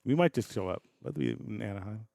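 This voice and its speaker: A man's voice: fairly low pitch, lively intonation, fast talker, gravelly, warm tone, dry recording, clean studio sound. A man co-hosting a podcast in casual chat, rambling and laughing often, trailing off mid-thought. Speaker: podcast co-host.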